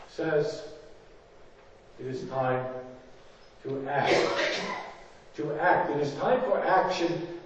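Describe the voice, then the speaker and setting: Slow, dramatic male rabbi in echoey hall. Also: a little high, a little hiss or hum. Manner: dramatic storytelling, acting out quoted voices. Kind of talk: sermon. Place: large synagogue sanctuary. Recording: echoey hall, distant dull mic.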